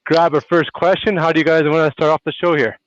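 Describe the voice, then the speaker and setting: A man with a Canadian accent hosting a live landlord chat on a video call, relaxed and chatty with many fillers. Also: fairly high pitch, fast talker, no echo. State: a little out of breath. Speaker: host. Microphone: phone hotspot on a video call. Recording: dull lo-fi video call audio.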